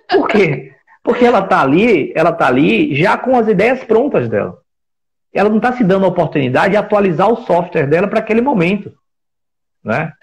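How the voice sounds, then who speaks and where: A man with a Brazilian Portuguese accent giving a reflective explanatory talk in a live stream, often restarting phrases and posing rhetorical questions. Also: fairly high pitch. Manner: reflective, searching for words, with frequent restarts; builds points with rhetorical questions. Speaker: speaker on workplace listening.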